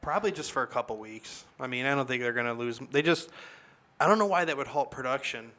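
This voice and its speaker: Man, casual podcast co-host, bright sharp voice, chatty with fillers. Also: medium pitch, lively intonation, quick pace. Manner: chatty, lots of fillers like "dude".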